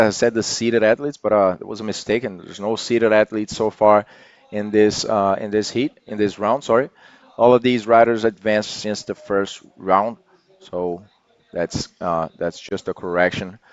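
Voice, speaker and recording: A man's voice: on the low side, normal speed, no echo, muffled recording. A man giving live sports commentary as one of the broadcast's commentators.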